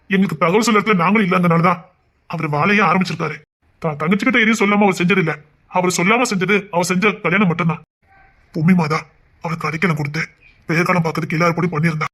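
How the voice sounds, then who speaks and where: A man telling a dramatic serial story aloud, voicing every character himself and rising into emotional high lines. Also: fairly even intonation, fast talker, a bit bright.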